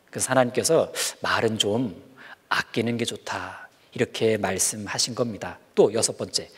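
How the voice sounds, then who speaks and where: A man giving a children's sermon, speaking in an animated way and asking the kids questions as he goes. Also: medium pitch, slightly rough. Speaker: children's preacher.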